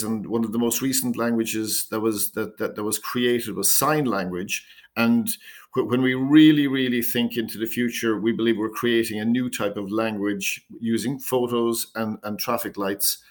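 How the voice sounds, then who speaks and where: Founder man explaining his product steadily. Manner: measured pitch, repeats words when starting phrases. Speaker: company founder. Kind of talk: business interview answers.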